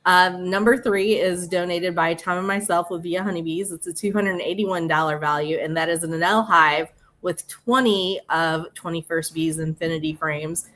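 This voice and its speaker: A woman with a Midwestern accent hosting a casual livestream, chatty and quick to laugh. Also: on the low side, steady tone, a bit bright. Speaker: livestream host.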